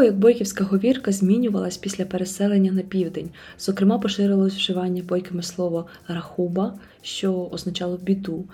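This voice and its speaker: A woman host reading a scripted podcast narration in a calm, measured way. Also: medium pitch, slightly rough.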